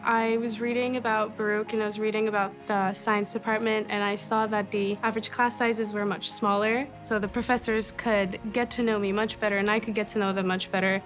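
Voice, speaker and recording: A woman's voice: medium pitch, level tone, a little fast, few pauses. Young woman, from Poland, sincere, testimonial, faint music. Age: young adult. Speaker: student in a college video. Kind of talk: interview testimonial. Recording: soft music underneath.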